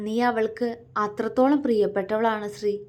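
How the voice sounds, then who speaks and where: Woman voicing a soft-spoken tender young husband. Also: fairly even intonation, moderate pace, natural voice. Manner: soft, affectionate, low-key. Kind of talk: storytelling dialogue.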